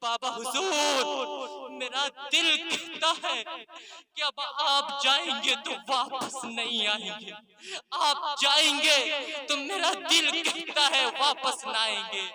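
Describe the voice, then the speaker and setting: A man's voice: very high-pitched, crowd noise. A man preacher voicing a young girl who keeps tearfully pleading with her father to take her along. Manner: pleading, repetitive, emotional.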